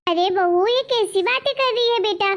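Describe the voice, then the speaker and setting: A woman's voice: extremely high pitch, normal speed, a bit bright. A woman playing a proud, bossy mother-in-law who scolds indignantly, in a family drama. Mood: scolding.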